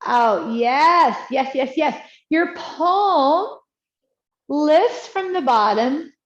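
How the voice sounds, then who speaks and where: A woman teaching tai chi, giving calm, encouraging movement cues in short, unhurried phrases. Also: sits high. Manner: encouraging, praising as she guides. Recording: dull, echoey room sound.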